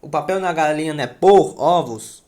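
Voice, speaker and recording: A man's voice: a little high, a little mellow. A man teaching a grammar lesson, repeating words and checking in with his students as he goes. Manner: slow, repeats words and asks "certo?".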